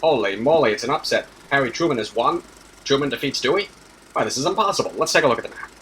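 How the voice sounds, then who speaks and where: A man playing an excitable election-night newscaster. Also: mid-range voice, fast, a little hiss or hum, pitched above the performer's own voice, natural voice, rough recording. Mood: excited.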